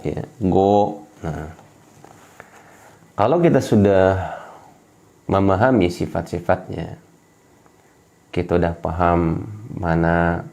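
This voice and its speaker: Male Quran teacher, low dark gravelly voice, patient and repetitive, demonstrates sounds. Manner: patient, repeats each point and demonstrates sounds. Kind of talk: explaining articulation to home viewers.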